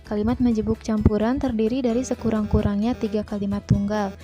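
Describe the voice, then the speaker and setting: A woman teacher, reading a grammar lesson in a measured way and slowing down for example sentences. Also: mid-range voice, little pitch movement, warm tone, faint music behind. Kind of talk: scripted grammar lesson narration.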